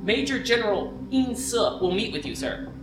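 A man's voice: high voice, very animated, normal speed. Fantasy tabletop gate guard, played by a man, formal, hesitant and obsequious, roomy distant sound with music behind. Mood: nervous, formal. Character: deferential, flustered male city gate guard. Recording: roomy, distant mic under loud music.

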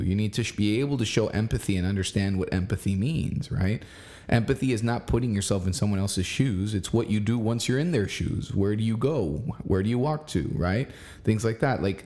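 Forties guy giving a pep talk, kinda low voice, punchy and direct. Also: dark tone. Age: 40s. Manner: encouraging, emphatic, talks to the listener directly. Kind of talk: casual chat.

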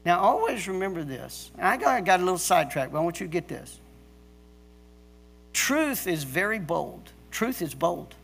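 A middle-aged man preaching a sermon as pastor, emphatic, with pauses and restarts. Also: high voice, sing-song, creaky, fairly bright tone, slightly rough.

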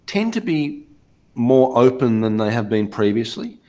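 A man with a fairly low voice talks through an album track by track. His delivery is measured and explanatory, the relaxed tone of a casual music podcast host. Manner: measured, explanatory, steers the discussion. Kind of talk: casual music review chat.

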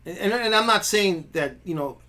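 Man, pastor on a podcast, earnest, restarts often, slightly higher voice. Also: animated, normal speed, sharp tone. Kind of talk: casual theological discussion.

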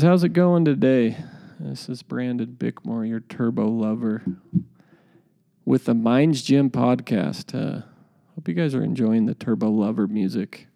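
A man's voice: medium pitch, gravelly, dark tone. A man hosting a podcast in a casual, rambling way, with informal buddy slang and musing, hesitant delivery. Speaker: podcast host.

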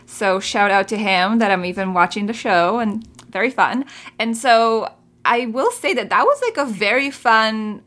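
Bright-voiced chatty woman. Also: fairly high pitch, normal speed. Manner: chatty, many "like" fillers, animated quoting. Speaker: podcast co-host. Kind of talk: casual chat.

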